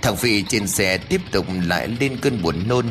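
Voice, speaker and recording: A man tells a horror story in a low-pitched voice. His delivery is animated, with a wide rise and fall. He slips briefly into each character's voice as the story moves along. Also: measured pace.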